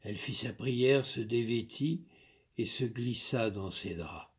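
A man narrating a literary story in a measured, expressive reading. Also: medium pitch.

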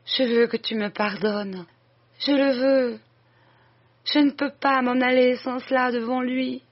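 A reader voicing an old dying woman who confesses to her sister, breathless, halting and imploring. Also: sits high, fairly even intonation, pitched above the performer's own voice. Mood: pleading. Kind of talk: audiobook reading. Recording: dull lo-fi recording.

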